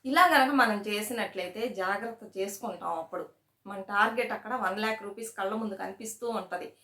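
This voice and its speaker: A woman's voice: medium pitch, brisk, pushed and bright. A woman hosting a savings vlog, talking casually to her viewers, often checking in with them and retelling small everyday stories. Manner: chatty, repeats "సరేనా?" to check in with viewers; storytelling, retells anecdotes with quoted dialogue. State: sweating in summer heat. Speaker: savings channel host. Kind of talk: casual chat to camera. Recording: echoey room.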